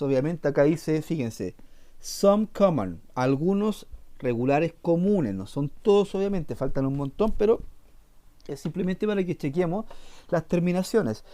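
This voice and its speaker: A man's voice: high-pitched, lively intonation, moderate pace, warm tone. A man teaching an English class, explaining patiently and repeating himself with fillers. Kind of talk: online class lesson.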